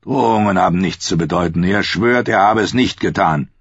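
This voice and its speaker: A man's voice: sits low, normal speed, breathy edge, no room sound. A man voicing a weary, stubborn knight in terse, restrained lines in an audiobook reading. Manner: curt and restrained. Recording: dull lo-fi, dry.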